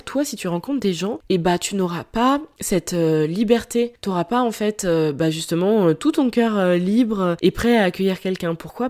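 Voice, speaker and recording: A woman with a slightly low voice hosts a confessions podcast. She gives advice in a chatty, direct way. Now and then she reads a listener's letter aloud. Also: darkish tone. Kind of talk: casual advice chat.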